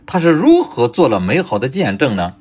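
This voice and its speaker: Husky man preaching with lively pitch. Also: normal speed. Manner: emphatic, rising and falling delivery with rhetorical questions. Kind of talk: sermon.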